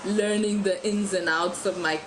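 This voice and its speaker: A woman from Ethiopia, in her thirties, speaking as a guest on a podcast, chatty and quick to laugh, with frequent restarts. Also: mid-range voice, steady tone, a little hiss or hum, rough recording. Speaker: guest photographer. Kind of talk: casual podcast interview.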